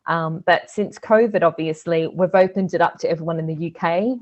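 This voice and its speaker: Speaking a little fast in a lowish voice with fairly even intonation, an Australian woman comes through lo-fi audio. She's on a casual podcast as a guest, a social media business owner whose chatty talk is full of fillers and laughter.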